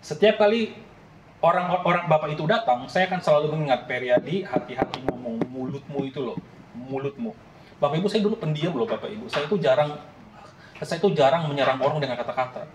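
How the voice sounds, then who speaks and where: A man's voice: fairly high pitch, fast, reverberant, noisy background. A man in his late thirties preaching a sermon in an earnest, conversational way, often addressing the congregation directly. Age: late 30s. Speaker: pastor.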